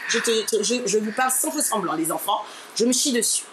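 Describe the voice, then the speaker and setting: A woman's voice: fairly high pitch, fairly quick. A woman from Martinique telling a personal story as an interview guest. She acts out the people she quotes and keeps calling the listener "my dear.". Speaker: interview guest, radio presenter. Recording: steady background noise.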